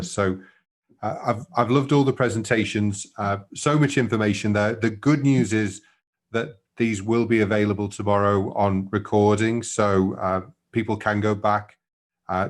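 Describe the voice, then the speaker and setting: Lowish-voiced guy hosting a webinar, upbeat, lots of uhs. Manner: upbeat, quick to praise, many fillers. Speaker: seminar moderator. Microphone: video call.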